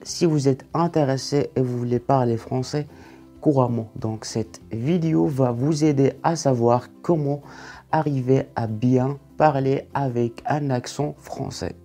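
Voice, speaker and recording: A man gives an online language lesson in a warm, mellow voice with a gravelly edge. He explains methodically, step by step. Soft music plays faintly behind him. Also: mid-range voice, a little slow. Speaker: French language teacher.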